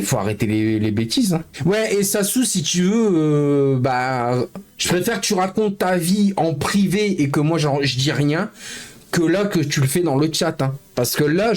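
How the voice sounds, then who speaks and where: A man live streaming, chatting casually with his viewers, joking in mock indignation and sometimes turning low and downbeat. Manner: talkative, jokey mock-indignation, mumbling and downbeat at times.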